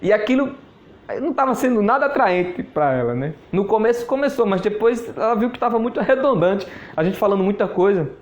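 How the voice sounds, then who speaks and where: Man, fairly high voice, laughing storyteller, roomy echo. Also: lively intonation, fairly quick, dull audio. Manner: chatty, laughs often, repeats words. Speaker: network marketing mentor. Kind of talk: casual anecdote telling. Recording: echoey room.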